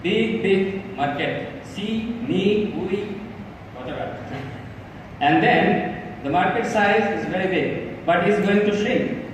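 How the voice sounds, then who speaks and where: A man from Bangladesh giving a live pitch presentation, earnest and halting with frequent fillers. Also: slight background noise. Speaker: startup presenter. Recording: echoey hall from far off.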